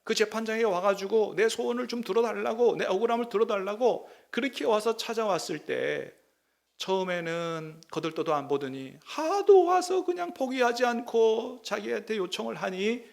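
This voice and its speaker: A middle-aged male pastor delivers a sermon in an emphatic way, often stopping to ask his congregation questions. His voice sits high, with a gravelly rasp running through it. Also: animated, normal speed.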